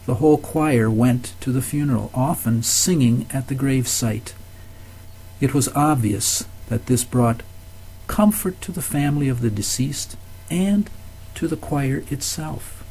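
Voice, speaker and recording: An older man giving a recorded course lecture, telling anecdotes in a measured, instructive way. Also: mid-range voice, mellow, husky.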